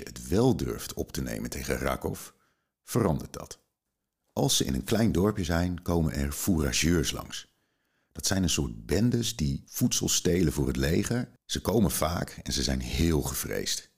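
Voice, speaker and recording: Very deep-voiced man reading a story aloud. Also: breathy edge. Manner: calm, measured storytelling. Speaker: podcast host and reader. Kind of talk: reading a children's book aloud.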